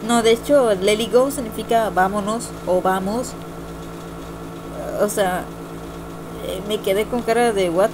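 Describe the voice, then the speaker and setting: The clip is a noisy, amateur recording made on a home computer. In it, a young woman who reviews videos as an amateur offers casual opinions, a little slowly and with frequent pauses, in a mid-range voice. She rambles hesitantly and repeats herself a lot.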